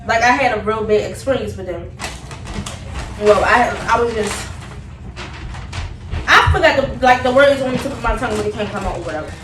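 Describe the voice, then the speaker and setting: A young woman vlogger with a fairly high voice tells a story in casual chat, acting out the dialogue in an animated retelling. She talks a little fast but leaves long pauses. The recording sounds roomy and noisy, with the microphone far away.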